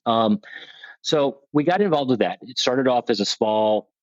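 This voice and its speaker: Interviewed about the veterans motorsport program he leads, the guest rambles in a plain, self-deprecating manner and often starts over. He has a medium pitch, lively intonation and a measured pace. The recording is dry, with the highs cut off.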